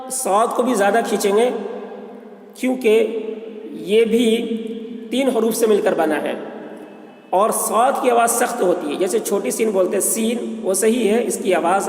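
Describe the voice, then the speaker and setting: High-voiced man teaching, echoey room. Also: a little mellow. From India. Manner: drawn-out sung letter sounds between plain explanation. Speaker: Quran reading teacher. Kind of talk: letter pronunciation lesson.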